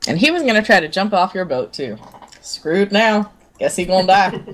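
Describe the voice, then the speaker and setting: A relaxed game master running a tabletop session on a live stream. The talk is loose and chatty, sometimes through a mouthful of food. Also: medium pitch, moderate pace. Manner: casual, talks while eating.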